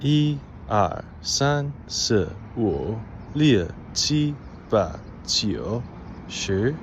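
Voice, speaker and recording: A man's voice: lowish voice, very animated, drawn-out words, lo-fi sound, slight background noise. A man who is a native English speaker, keeping a casual video diary of his language learning and practising phrases. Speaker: language learner vlogging daily progress.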